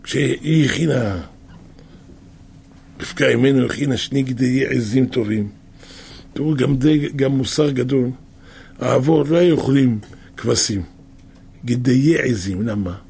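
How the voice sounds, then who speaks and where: A man retelling a scripture story in a halting, conversational way, with many restarts and a raspy, husky voice. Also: medium pitch, darkish tone, a little hiss or hum.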